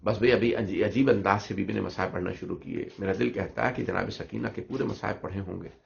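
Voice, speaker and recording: A man's voice: fairly low pitch, fairly even intonation, fairly quick, gravelly. A man reciting a mourning sermon in an emotional voice that breaks into sobs, in a dull lo-fi recording. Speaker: religious orator.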